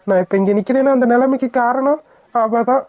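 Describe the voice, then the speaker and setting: A woman's voice: high voice, fairly quick, darkish tone, dry recording, lightly acted. A woman voicing teasing young men in a cartoon, joking and mocking one another. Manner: bantering, mocking. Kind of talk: cartoon voice acting.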